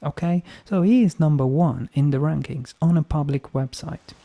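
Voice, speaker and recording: Male game streamer, very soft dark tone, slightly high pitch, argumentative casual commentary. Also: moderate pace, vocal fry, dull audio.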